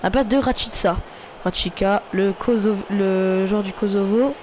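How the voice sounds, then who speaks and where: A man with a French accent giving casual play-by-play commentary of his football video game, calling out player names and getting loud when a goal comes. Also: high voice, steady tone, moderate pace, a little hiss or hum. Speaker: gaming YouTuber.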